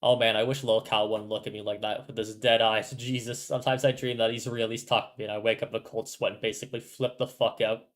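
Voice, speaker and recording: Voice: mid-range voice, level tone, fast, hardly any pauses, lightly acted. A reader voicing a laid-back but uneasy teenage boy who rambles and swears casually. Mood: rambling.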